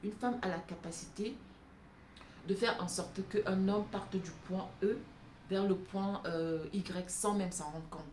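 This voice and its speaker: A francophone African woman vlogger speaks to African women in an impassioned, unscripted opinion piece, hammering her points home by repeating phrases. Her medium-pitched, somewhat dark voice moves a bit slowly with fairly steady intonation. The room is echoey, with noise in the background.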